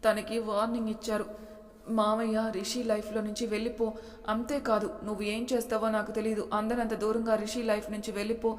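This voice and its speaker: A woman's voice: mid-range voice, flat delivery, fairly quick, close to an everyday voice. A woman voicing a fearful, childlike young wife who stammers and hesitates, in a storybook reading. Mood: timid, pleading. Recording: long hall reverb.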